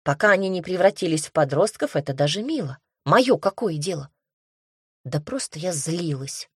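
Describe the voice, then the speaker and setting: A woman narrates a first-person fantasy audiobook with lively, wry irony. Her voice sits on the low side for a woman. The recording is close and dry, with no room sound. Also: normal speed, husky, dry recording.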